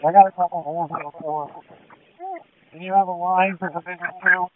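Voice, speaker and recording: A man's voice: high voice, fairly even intonation, brisk, recorded from a distance. A male fire officer reporting in urgent emergency traffic over two-way radio. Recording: tinny, slightly noisy two-way radio.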